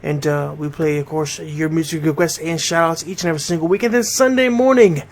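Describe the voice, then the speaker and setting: A middle-aged radio host and DJ from Bridgeport, Connecticut, speaks a little fast in a fairly high voice. He's conversational and informal, addressing his listeners directly.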